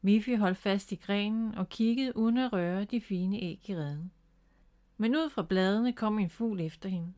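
A woman reading a children's picture book aloud in a calm, gentle way. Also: medium pitch. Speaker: storyteller.

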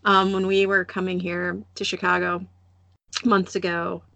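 A woman in her thirties hosting a casual faith podcast, telling stories in an animated way and acting out voices. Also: fairly low pitch, measured pace, gravelly, no echo. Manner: animated storytelling, acts out voices and laughs often. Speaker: podcast host.

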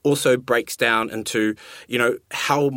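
A man's voice: medium pitch, steady tone, a little slow, fairly bright tone, dry recording, studio quality. A man talking casually as a nutrition expert on a podcast, plain-spoken and informal, explaining things in simple terms.

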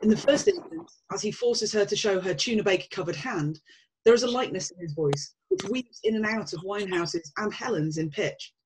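A woman's voice: mid-range voice, expressive, normal speed, slight background noise, rough recording. A woman presenting a scripted analysis in an analytical manner.

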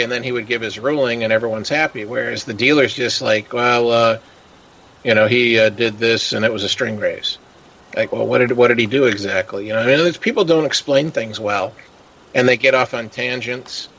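A man telling stories on a podcast and slipping into the voices of the people he quotes. His voice has an average pitch, and the recording sounds a bit dull and lo-fi. The delivery is a loose, casual chat. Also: moderate pace, a bit bright. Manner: storytelling, acting out quoted people.

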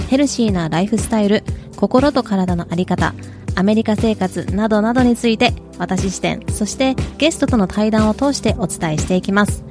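A young adult woman hosting a podcast in a friendly, chatty way, with many fillers. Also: medium pitch. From Japan. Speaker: podcast host. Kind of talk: casual podcast monologue.

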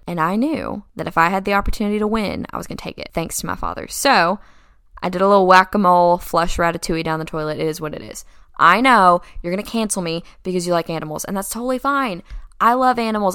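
A woman's voice: medium pitch, gravelly, clean tone, dry recording, studio quality. A young woman casually telling her viewers a dramatic personal story, acting out the people in it. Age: young adult. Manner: animated, dramatic, quotes people in voices.

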